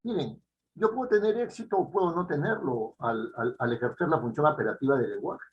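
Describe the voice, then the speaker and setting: A male teacher lectures a class, his pitch rising and falling a lot and sitting somewhat high for a man. He repeats each key phrase and keeps checking in with tag questions. The classroom recording is dull and lo-fi. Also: lively intonation, fairly quick. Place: classroom before students.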